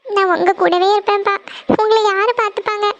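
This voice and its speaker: Very high gravelly voice, flat pitch, woman playing an insistent loyal cartoon daughter. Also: fairly quick, dull audio, a little hiss or hum. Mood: pleading. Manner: insistent, tearful pleading. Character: devoted young woman, eldest daughter. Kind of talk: cartoon family serial voice acting.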